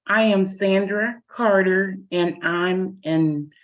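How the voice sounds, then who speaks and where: A woman introducing herself on an online call in a measured, polite way. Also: mid-range voice. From Texas, US. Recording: dull lo-fi call audio.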